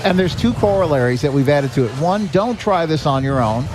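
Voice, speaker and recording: Guesting on a live podcast recorded at a restaurant, the executive director of a senior help organization, an older American man, speaks in an expressive, somewhat high voice at a slightly fast clip. He's earnest and chatty, telling stories and voicing snippets of dialogue over background music.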